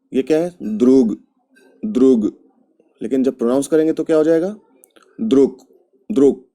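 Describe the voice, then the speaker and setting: With a warm tone and medium pitch, a man from India gives a patient, unhurried language lesson, going over each example word repeatedly.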